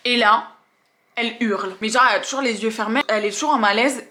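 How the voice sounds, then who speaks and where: Bright-voiced woman telling stories. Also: fairly high pitch, quick pace. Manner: animated, acts out scenes and quotes. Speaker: tattoo artist. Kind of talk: storytelling vlog.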